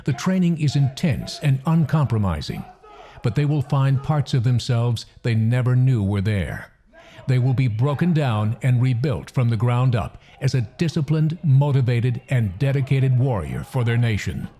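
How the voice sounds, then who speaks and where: A man narrates a documentary in a measured, solemn way. His voice is dark and mellow, and his pitch moves a lot. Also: animated.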